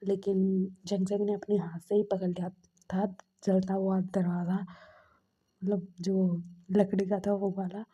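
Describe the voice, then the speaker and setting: A woman's voice: mid-range voice, little pitch movement, measured pace, mellow, breathy edge, highs cut off. Woman voicing a lovestruck young boyfriend.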